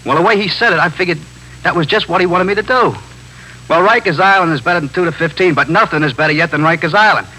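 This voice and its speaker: In a 1950s radio drama, a small-time street pusher races through slangy, self-justifying stories, animated as he tells them. His voice is bright, forceful, and fairly high, and he talks fast. The old, poor-quality recording has a faint hum and hiss.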